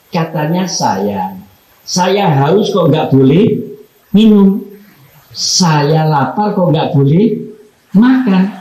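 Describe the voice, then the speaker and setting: A man with a Javanese accent preaching at a religious study gathering. He explains slowly, quotes Arabic verses and acts out everyday family examples. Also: a little high, dark tone. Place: room at a company religious gathering. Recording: echoey room.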